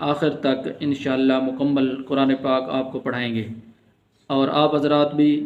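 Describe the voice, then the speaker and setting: A man's voice: on the high side, a little mellow. Patient man teaching tajweed. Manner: patient, repetitive explaining, slow drawn-out chanting of verses. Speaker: Quran recitation teacher. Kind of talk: Urdu-language tajweed lesson with chanted recitation.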